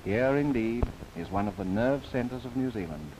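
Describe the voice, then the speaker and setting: In a measured, earnest 1930s documentary style, a man reads formal scripted narration, his mid-pitched voice moving in broad, animated sweeps. There's some vocal fry, and the low-quality recording resembles an old film soundtrack with a bit of background noise.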